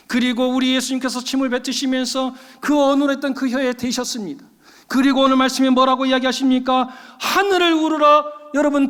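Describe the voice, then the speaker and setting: A man delivers a sermon from the pulpit, his voice pitched very high and full of emphatic appeals to the congregation. The sound carries through a church sanctuary with a long, lingering reverb. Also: fairly bright tone. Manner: emphatic preaching, calling out to the congregation. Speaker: pastor.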